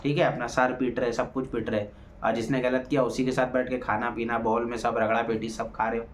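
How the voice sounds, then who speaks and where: A man's voice: medium pitch, little pitch movement, fairly quick, a little hiss or hum. A man giving a casual spoken review of a reality show episode. He talks animatedly, asks rhetorical questions, keeps saying "ठीक है", and raises his voice to act out quoted lines.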